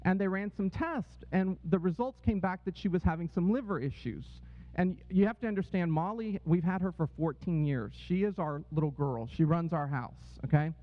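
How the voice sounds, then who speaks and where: Guy with a pretty high voice telling a story in a big echoey church, sounds a bit muffled. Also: normal speed. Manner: storytelling with repeated rhetorical "right?" and "okay?". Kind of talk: testimony talk to a congregation. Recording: dull, echoey hall sound.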